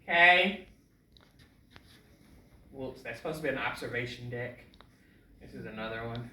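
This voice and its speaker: A woman teacher giving a recorded lesson to young children, slow, patient and sing-song, stretching words out as she writes. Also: extremely low pitch, sharp tone, far from the mic, slight background noise. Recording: echoey room, off the mic.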